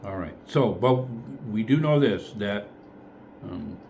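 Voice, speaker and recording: A low, mellow-voiced man leads a casual group Bible study. He thinks aloud, tentative and self-correcting. A faint hiss sits behind his voice. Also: animated, slow, creaky.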